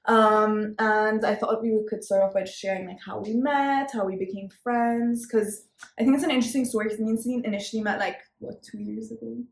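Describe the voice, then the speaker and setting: A woman's voice: medium pitch, steady tone, brisk, creaky. A young woman hosting a podcast in an upbeat, chatty way, with many fillers. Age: young adult. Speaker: podcast host. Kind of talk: casual chat. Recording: roomy echo.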